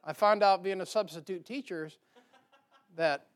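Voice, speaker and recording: A middle-aged American man with a high-pitched voice preaches a church sermon at a measured pace. He reads from the Bible and drops informal, folksy asides to the congregation.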